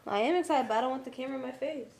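A woman's voice: high voice, rapid-fire, vocal fry, a little mellow. A young woman who is the target of a prank, talking curtly and with annoyance, swearing.

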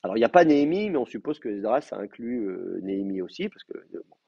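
Man lecturing, lively pitch. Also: quick pace, creaky, slightly rough. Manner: explains step by step with many fillers and checks with students. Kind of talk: classroom lecture. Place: classroom. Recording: dull lo-fi classroom recording.

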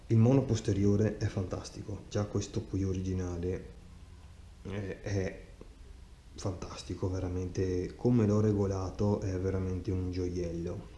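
A motorcycle vlogger with a low, mellow voice chats casually about his bike in an unboxing vlog, rambling and hesitant, full of fillers and restarts. He's recorded hands-free indoors in a cluttered garage at night, and the sound is dull and roomy with a faint hiss.

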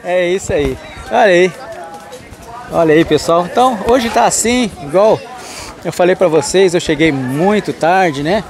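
A man's voice: sits high, unhurried, crowd noise. Chatty man vlogging through a market. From Mato Grosso do Sul. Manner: chatty, greets vendors, thanks followers. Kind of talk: walking market tour vlog. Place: outdoor street market.

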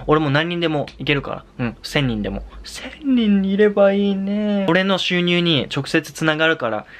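A man's voice: medium pitch, fairly bright tone. A young man from Japan, a vlogger and language tutor, talking in a casual, exasperated way and repeating himself, now and then breaking into English swearing. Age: young adult. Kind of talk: casual vlog rant.

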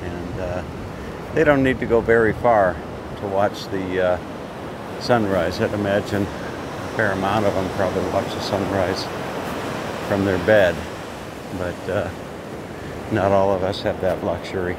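A man's voice: low-pitched, steady tone, a little slow, pauses often. An older American man giving a casual walk-and-talk commentary on a beach, rambling and upbeat, filming on a phone at arm's length. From United States. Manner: rambling, upbeat, with many restarts. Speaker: vlogger giving a walking tour. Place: outdoors on an open beach at sunrise. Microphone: phone held at arm's length while walking. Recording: loud surf and wind noise outdoors.

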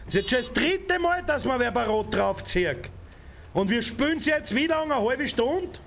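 A young man with an Austrian accent commenting on a driving game from his home setup, who often shouts and swears at other drivers. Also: very high voice, expressive, normal speed, creaky, faint music behind. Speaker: gaming streamer. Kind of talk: let's play commentary. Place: home gaming room. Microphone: desk mic with headset.

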